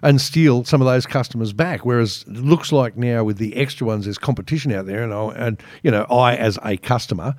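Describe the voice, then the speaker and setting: A man's voice: medium pitch, brisk, hardly any pauses, a little mellow, no room sound. A man co-hosting a podcast, chatting and reacting freely. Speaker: podcast co-host. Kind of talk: casual chat.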